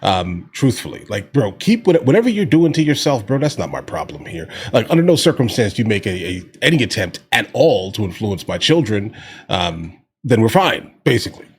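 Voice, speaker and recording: A man with a low-ish, sing-song voice speaks briskly as host of a reaction video, delivering casual, slangy political commentary. He talks straight to his viewers in an informal way, often calling them guys.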